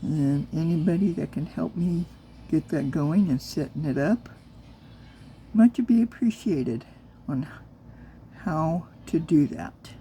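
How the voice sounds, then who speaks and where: Woman, hands-on crafter narrating a casual vlog; low, very dark tone, muttering to herself as she works. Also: expressive, slow, slight background noise. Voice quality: soft-spoken, talks low on purpose. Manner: mutters to herself while working with her hands. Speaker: crafter making silicone molds.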